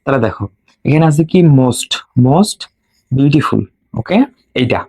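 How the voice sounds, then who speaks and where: A man teaching English grammar in Bengali, slowly repeating each rule and asking students to memorize it with him. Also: medium pitch, animated, darkish tone, no room sound. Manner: slow and drilling, repeats rules for students to memorize. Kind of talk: classroom lesson.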